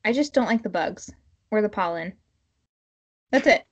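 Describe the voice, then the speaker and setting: A woman podcast co-host chatting casually and informally in a halting, filler-heavy way. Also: medium pitch, animated, slightly rough, dull audio.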